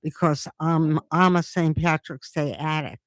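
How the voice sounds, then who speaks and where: A woman's voice: sits low, fairly even intonation, unhurried, no echo. A woman chatting on a podcast in a playful, jokey way, prone to silly asides. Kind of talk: casual chat.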